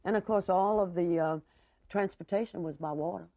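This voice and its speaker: A woman's voice: on the low side, normal speed, dark tone, dry recording. A woman, chatting emphatically as a guest and telling stories. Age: 60s. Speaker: talk show guest. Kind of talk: conversational local-history storytelling. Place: TV studio kitchen set.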